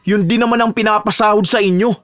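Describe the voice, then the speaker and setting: Brief: actor voicing a young male student, high-pitched, respectful but hot-tempered. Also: fairly even intonation, quick pace, a bit bright. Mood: indignant. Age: young adult. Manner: pleading, then indignant and cutting.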